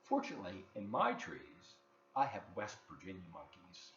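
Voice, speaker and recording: In a low voice with huge pitch swings and a moderate pace, a storyteller reads a children's picture book expressively. Dramatic emphasis and asides aimed at young listeners run through it. The sound is roomy and dull lo-fi, carrying a faint hiss.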